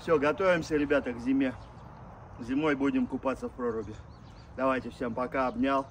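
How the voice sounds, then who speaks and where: A man's voice: medium pitch, steady tone, brisk. Man dousing himself in cold water, noisy outdoors. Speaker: vlogger. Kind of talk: casual outdoor vlog to followers. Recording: noisy outdoor recording, far from the mic.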